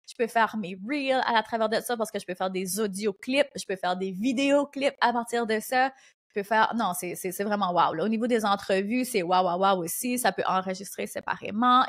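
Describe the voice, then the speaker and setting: A woman with an Acadian French accent hosting her own podcast, giving casual, energetic business advice at a fast clip. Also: medium pitch. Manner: fast, animated, energetic talk. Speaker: podcast host and business coach. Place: indoor recording studio.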